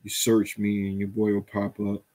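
A man in his thirties co-hosts a news commentary show from home, joining a video call over a headset and chatting unscripted in slangy phrases, often tossing in "you feel me" and "man." His lowish, dark-toned voice is completely flat, at a moderate pace.

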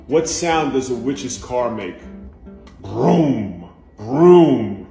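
A man's voice: medium pitch, lively intonation, drawn-out words, gravelly, dark tone, roomy sound, faint music behind. A middle-aged man with a New York accent, joking around as a dad in comedy skits. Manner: joking, dad-joke delivery. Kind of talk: comedic skit dialogue.

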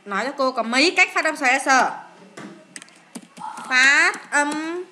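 A woman English teacher with a Vietnamese accent, going through exam answers in a lively, coaxing way, asking questions and answering them herself. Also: sits high, a little slow, a little hiss or hum. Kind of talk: classroom-style lesson explaining an exam.

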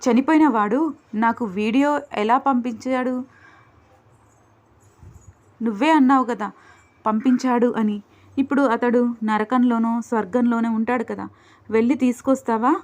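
A woman's voice: on the high side, fairly even intonation, a little slow, long pauses, natural voice. A woman voicing an angry, distrustful young wife and mother who speaks in a scornful, accusing way. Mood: mocking. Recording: dull lo-fi recording.

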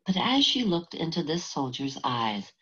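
A woman reading a novel aloud as an audiobook narrator, in a steady, measured way. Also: deep voice, husky, lo-fi sound. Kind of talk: scripted narration.

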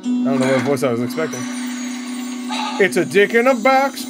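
In a small furnished room at home, a thirty-something man hosting a reaction video jokes, swears and exclaims sarcastically in casual commentary. His voice is on the high side and very animated, at a normal speed. Game trailer music and sound fill the background.

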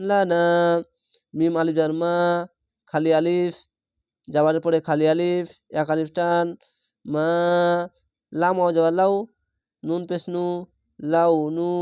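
Brief: male recitation teacher, high clear voice, spells letter by letter, stretches words. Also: a little mellow, no room sound, studio quality. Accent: Bangladeshi Bengali. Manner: slow, spells each letter and vowel, drawn-out chanted readings. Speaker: Quran reading teacher.

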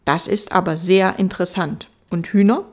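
A woman voicing a gentle, wise fox in an audiobook, earnest and patient as it explains. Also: lowish voice, fairly even intonation, moderate pace, natural voice.

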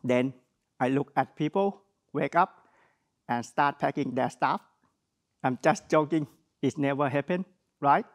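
A man's voice: fairly high pitch, measured pace, pauses often. Young Thai-accented man giving a speech. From Thailand. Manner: earnest, plain wording with light jokes. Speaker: graduate speaker. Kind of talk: prepared speech. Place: studio with virtual backdrop.

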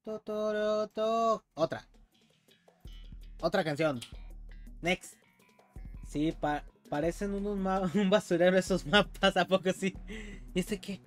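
A young man with a Mexican accent, streaming a game live and commenting in an excitable, swearing, casual way. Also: high voice, takes it slowly, pauses often, soft background music. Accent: Mexican Spanish. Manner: excitable, swears a lot, yells when stuck.

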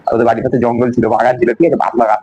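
A man's voice: medium pitch, little pitch movement, very fast, warm tone. A man at home staging a pretend phone call for a prank video, chatty and teasing, repeating himself and chuckling as he talks. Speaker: prank vlogger. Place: at home indoors.

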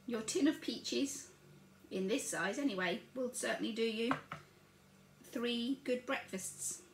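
This older woman speaks slowly in a fairly high pitch, with background noise. A chatty home cooking vlogger, she talks through a breakfast recipe step by step as she works, filmed across the counter in an echoey kitchen full of clattering dishes.

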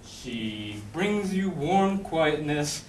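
Here the same young man gives Death a full character voice, very animated and slightly high, stretching out his words in a persuasive mood. He's a smug, mocking hooded figure bargaining for souls in an amateur play, taunting and sardonic. The recording comes from a far-off audience camera on an indoor stage, echoey with a bit of noise.

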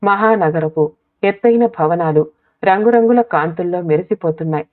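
Low-voiced woman reading a story. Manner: steady, measured reading. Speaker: audiobook narrator. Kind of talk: scripted story narration. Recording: tinny phone-like audio.

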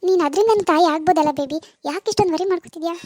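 A woman's voice: very high-pitched, very fast, a little mellow, no room sound, clean studio sound. A woman voicing a worried middle-aged mother in a cartoon, soothing and pleading with her daughter. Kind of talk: cartoon voice acting.

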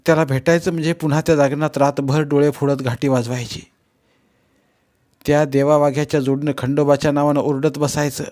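A man's voice: a little high, little pitch movement, brisk, a little mellow, pitched above the performer's own voice, close to an everyday voice. A man reading aloud, voicing a young village woman who was a temple dancer, in an earthy rural dialect. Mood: scornful.

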